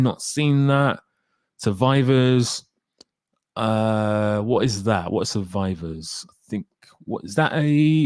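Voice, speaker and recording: A man's voice: medium pitch, darkish tone, dry recording, studio quality. A man hosting a casual live stream, reading viewer comments aloud and energetically urging viewers to hit the like button. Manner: reacting to chat comments one by one. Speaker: livestream host reading viewer chat.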